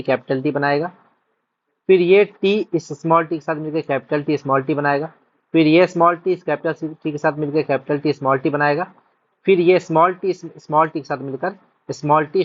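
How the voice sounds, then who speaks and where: Man, teacher, repetitive step-by-step explaining, slightly high voice, dull lo-fi audio. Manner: repetitive, checks understanding often. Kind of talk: whiteboard-style lesson explanation. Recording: dull lo-fi recording.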